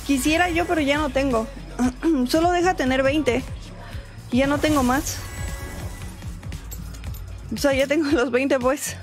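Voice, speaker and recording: A woman's voice: high voice, steady tone, measured pace, pauses often, soft background music. A woman with a Mexican accent streaming a game from home, chatting casually and greeting viewers by name. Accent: Mexican Spanish. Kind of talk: casual live-stream chat.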